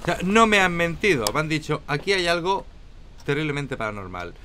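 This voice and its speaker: A man's voice: on the high side, expressive, fairly quick, bright, forceful tone. A young man from Spain with a Spanish accent, chatting and joking to viewers during a solo game commentary. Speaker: gaming YouTuber.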